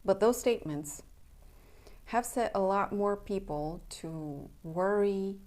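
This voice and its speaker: Earnest and plainspoken, this young adult somatic coach from Romania delivers a casual announcement, now and then asking "okay?" Romanian is her native language, and her mid-range voice has a darkish tone as she takes things slowly.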